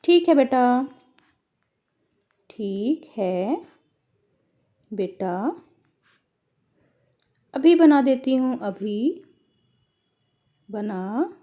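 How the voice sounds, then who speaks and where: A woman teacher reading a caring mother's lines slowly, as if for dictation. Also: a little high, expressive, lo-fi sound. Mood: gentle. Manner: slow, dictation-paced reading. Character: kind mother offering to cook for her son.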